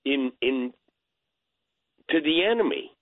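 A man's voice: mid-range voice, wildly swooping pitch, takes it slowly, no room sound. A man calling in to a radio show over the phone. He talks insistently and corrects others bluntly. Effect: phone call heard over the radio. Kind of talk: call-in radio conversation. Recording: tinny phone line.

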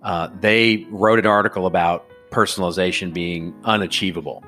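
A man's voice: sits low, steady tone, normal speed, pushed and bright, soft background music. A man with a Texan accent, a regular guest on a podcast, talking in a rambling, casual way with many fillers and restarts. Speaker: regular guest, strategy advisor.

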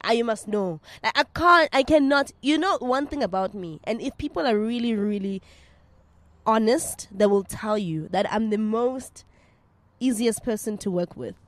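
A woman's voice: on the high side, lively intonation, normal speed, dry recording. A South African woman speaking as an interview guest in candid, casual chat, emphatic and repeating her phrases, with slang mixed in. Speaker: interview guest, actress and media personality.

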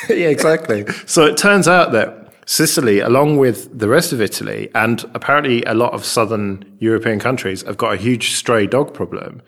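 An English man chatting casually and rambling a bit, recorded with a big hall echo in a large, open flat with a concrete floor. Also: medium pitch, moderate pace. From England. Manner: rambling and chatty, with many fillers. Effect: big hall echo from an enormous, bare room. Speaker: podcast co-host. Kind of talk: casual chat.

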